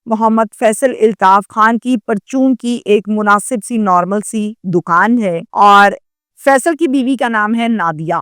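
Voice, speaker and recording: A woman's voice: medium pitch, fairly bright tone, smooth, dry recording, studio quality. A woman dramatically narrating a crime story and addressing viewers directly. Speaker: news storyteller.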